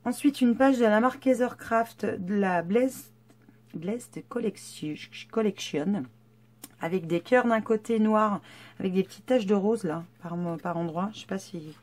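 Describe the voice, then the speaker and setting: A chatty woman talks through a craft haul in a relaxed, hesitant way, full of little fillers and restarts. Her voice sits at an ordinary middle pitch for a woman. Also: a little slow. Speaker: scrapbooking vlogger. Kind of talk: casual haul show-and-tell.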